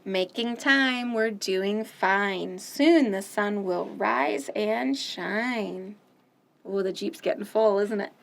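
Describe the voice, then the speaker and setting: A woman with a mid-range, creaky voice speaks at a slow pace while hosting storytime for kids. She reads picture books, sings nursery songs in an animated sing-song way, and throws in loud, playful sound effects.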